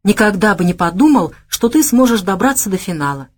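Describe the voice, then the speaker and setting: A woman's voice: medium pitch, animated, a little fast, natural voice. A woman voicing a hearty, effusive middle-aged male general. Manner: warm, effusive.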